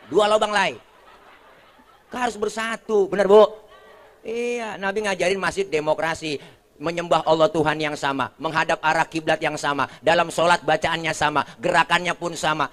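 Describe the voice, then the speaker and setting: A man preaching a comic sermon in a Betawi accent. His voice sits a little higher than most men's. He jokes constantly, keeps checking for the crowd's agreement and drops into quick put-on voices for punchlines. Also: fairly bright tone.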